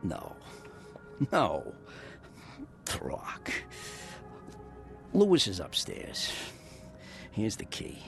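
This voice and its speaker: A man playing a wary, gruff barkeeper in a video game, guarded and terse. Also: deep voice, wildly swooping pitch, extremely slow, long pauses, faint music behind, heavily acted. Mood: nervous, defensive. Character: gruff, wary male bartender at a seedy port bar. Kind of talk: video game character acting.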